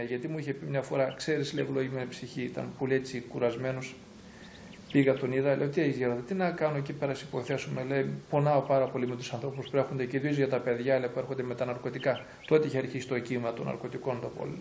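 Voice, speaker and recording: Gravelly-voiced man recalling old memories. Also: mid-range voice, a little mellow, roomy sound. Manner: storytelling, reenacting dialogue with many "he says" asides. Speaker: priest. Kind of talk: recounting personal memories in an interview.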